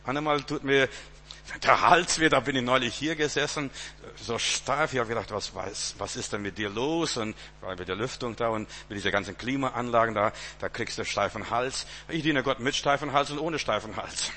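A middle-aged male preacher delivering a sermon with a bright, forceful tone. He speaks emphatically, swinging between loud declarations and soft asides, at a medium pitch. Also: normal speed, a little hiss or hum.

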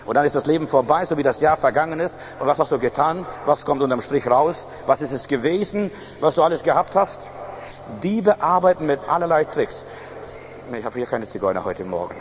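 A man's voice: on the high side, expressive, a little fast, a little hiss or hum. A male pastor preaching a sermon emphatically, with frequent fillers and restarts. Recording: reverberant hall, faint ambience.

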